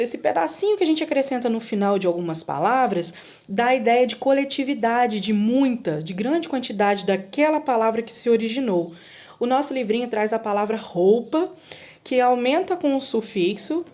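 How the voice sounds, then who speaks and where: Lady teacher, slightly high voice, slow and patient w/ little kids, keeps asking if they got it. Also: darkish tone. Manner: patient, drawn-out word spelling with frequent "tá?" checks. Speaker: primary school teacher. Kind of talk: recorded lesson for children.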